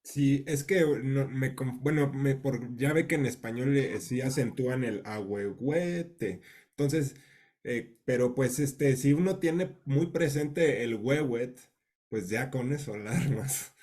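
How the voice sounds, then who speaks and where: Man, student, slow, halting, hesitant, casual remark. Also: medium pitch, darkish tone.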